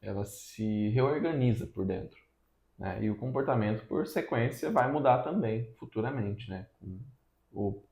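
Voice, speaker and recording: A man, a father co-hosting, calmly explaining parenting advice in a casual chat at home. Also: fairly low pitch, unhurried, creaky. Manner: calm, explanatory, tags lines with "né". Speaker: father and channel co-host. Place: room at home. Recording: echoey room.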